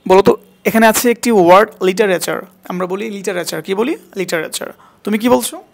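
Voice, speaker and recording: A man's voice: high voice, a little fast, vocal fry. A man teaching a spoken English class, repeating words again and again to drill pronunciation and quizzing his student.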